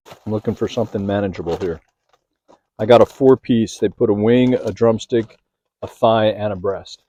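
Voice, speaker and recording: A man's voice: on the low side, normal speed, dark tone, no echo, dull audio. A man hosting a casual food vlog, chatting as he eats, sometimes with his mouth full, filming one-handed in a parked car. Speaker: food vlogger. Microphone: handheld phone or camera.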